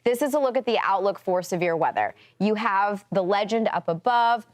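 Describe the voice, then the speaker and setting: A woman's voice: mid-range voice, animated, normal speed. A woman presenting live TV weather in a chatty, informal way, thinking aloud. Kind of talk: live weather commentary, conversational.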